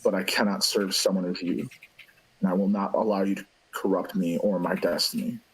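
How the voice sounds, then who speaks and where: Man playing a defiant, very deep-voiced mortal. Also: steady tone, close to an everyday voice, poor audio. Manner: firm, formal, measured. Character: defiant mortal man refusing a dark goddess.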